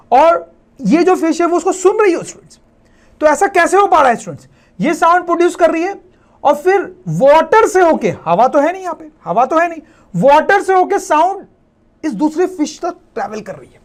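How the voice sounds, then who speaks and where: A man teaching a school science lesson over slides. He keeps calling out to his students and asking them questions he answers himself, mixing English terms into his explanation. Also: very high voice. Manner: keeps addressing "students" and asks rhetorical questions.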